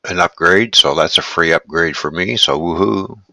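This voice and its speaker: A man hosting a casual live stream, chatting in a relaxed, rambling way and greeting viewers while he eats. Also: low-pitched, normal speed, vocal fry, no room sound. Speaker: livestream host.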